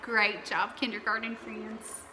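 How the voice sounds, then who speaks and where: A woman's voice: a little high, flat delivery, unhurried, very noisy. A woman kindergarten teacher teaching young children to count, speaking to them directly and encouragingly. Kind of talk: children's counting lesson, addressing pupils directly. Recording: echoey, reverberant room.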